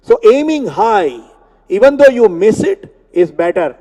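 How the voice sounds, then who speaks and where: Man giving a gita talk, high voice, slow careful sanskrit explaining, long hall echo. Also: big pitch swings, warm tone. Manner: explains Sanskrit words slowly, repeating terms. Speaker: Gita teacher. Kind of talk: religious discourse. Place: temple hall.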